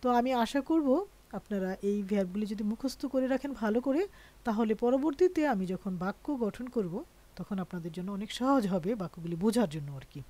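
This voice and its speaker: Mellow-voiced woman teaching a language lesson. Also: medium pitch, lively intonation. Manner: patient, checks in with listeners often; reads conjugations slowly one by one. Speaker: French teacher.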